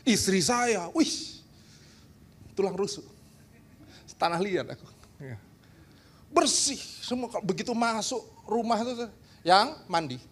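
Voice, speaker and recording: A man from Indonesia, a pastor preaching a church seminar sermon with humor, teasing his congregation and talking in an animated way. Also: high-pitched, slow, long pauses, husky. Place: church hall.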